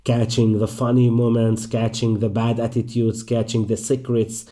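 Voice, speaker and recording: A young Palestinian man with an Arabic accent, an actor speaking thoughtfully in an interview, with some halting restarts. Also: medium pitch, flat delivery, warm tone. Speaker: actor and performer. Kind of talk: interview conversation.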